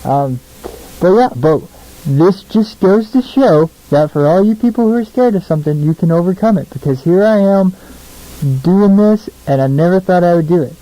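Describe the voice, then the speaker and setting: A young American man with a high-pitched, expressive, dark-toned voice speaks at a moderate pace while hosting a casual radio show solo in a small studio. Between songs he's chatty, informal and self-deprecating. There's no echo, but the recording is low quality.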